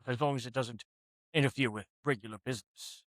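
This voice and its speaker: A man voicing an evasive male law firm representative, halting and guarded. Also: mid-range voice, fairly even intonation, fairly bright tone, dry recording, studio quality, close to an everyday voice.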